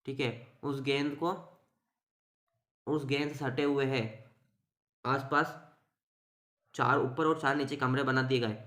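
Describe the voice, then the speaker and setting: A man's voice: mid-range voice, flat delivery, slow pace, long pauses, pushed and bright, roomy sound. A man teaching an exam-focused chemistry lesson, explaining with everyday examples and mixing English terms.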